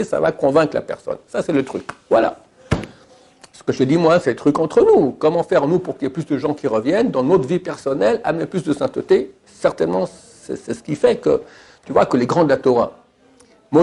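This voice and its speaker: A man with a French accent giving an animated Torah lesson, emphatic and jumping up in pitch to stress his points. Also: gravelly, slightly rough. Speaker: rabbi giving a Torah class.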